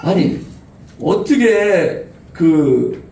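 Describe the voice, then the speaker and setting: A middle-aged man preaching at a youth retreat, animated and laughing as he acts out everyday scenes. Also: fairly high pitch, extremely slow, creaky. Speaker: pastor. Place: church retreat hall. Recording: roomy hall, distant mic, faint ambience.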